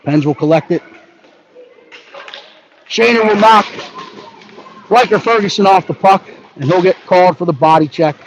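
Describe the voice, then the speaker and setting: A man giving brisk live hockey play-by-play, narrating each pass and leaning toward the home team. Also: high-pitched. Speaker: play-by-play announcer. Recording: dull lo-fi audio with faint background noise.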